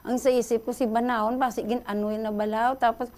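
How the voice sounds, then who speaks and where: A middle-aged Filipina with a Hiligaynon accent, calling in to a radio show and excitedly retelling a story. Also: female voice, on the high side, fast. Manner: excited, breathless retelling, addresses host often. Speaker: caller.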